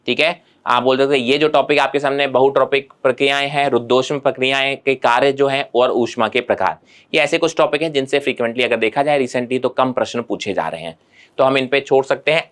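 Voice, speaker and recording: A man's voice: mid-range voice, fairly bright tone, clear, resonant tone. A man teaching an exam-preparation lesson in Hindi mixed with English terms, speaking straight to his students in a reassuring way.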